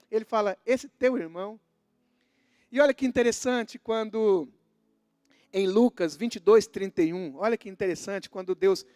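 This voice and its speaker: A man with a Brazilian Portuguese accent preaching a sermon as pastor, emphatic and swinging between full voice and hushed scripture quotes. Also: sits high. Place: church.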